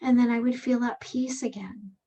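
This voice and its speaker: A woman giving a calm motivational presentation, speaking gently and reflectively with slow phrasing and pauses. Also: a little high, vocal fry, poor audio. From Canada. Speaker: speaker and workshop leader.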